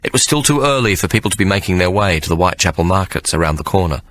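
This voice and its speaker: Deep-voiced male audiobook narrator. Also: lively intonation, racing, fairly bright tone, dry recording. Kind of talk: scripted narration.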